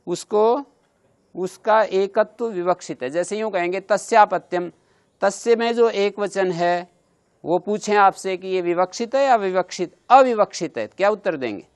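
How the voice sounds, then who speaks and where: A man's voice: sits high, unhurried, clear, resonant tone. A man teaching a grammar class, explaining step by step and stopping to check with his listeners by asking them questions. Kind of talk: classroom lecture.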